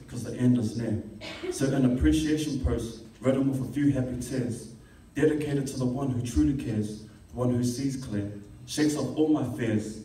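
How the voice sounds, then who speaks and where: A man's voice: mid-range voice, mellow. A young man performing spoken word poetry at an open mic, rhythmic and impassioned, filmed by a distant camera in a classroom. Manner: rhythmic, impassioned delivery with rising intensity. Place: classroom with a small audience. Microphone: stand mic, filmed by a far camera. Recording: echoey room, distant camera.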